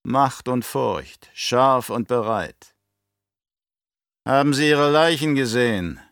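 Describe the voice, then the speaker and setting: A man's voice: mid-range voice, unhurried, a bit bright, clear, resonant tone, dry recording, clean studio sound. A man voicing a cruel, scheming, obese baron who barks angry questions in an audiobook reading.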